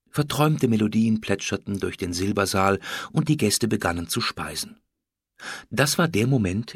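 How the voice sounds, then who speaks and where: A man narrating a storybook in a steady, measured reading. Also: on the low side, husky, no room sound, studio quality. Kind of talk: audiobook narration.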